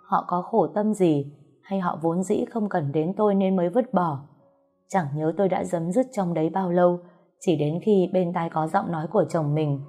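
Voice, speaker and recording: A woman narrating a first-person story in a steady, melancholy way, with soft music behind. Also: fairly low pitch.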